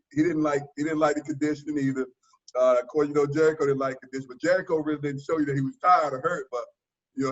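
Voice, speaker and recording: A man's voice: fairly high pitch, highs cut off. A man reminiscing casually on a video call, telling stories with a joking manner and acting out old banter. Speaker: former player on a team reunion call.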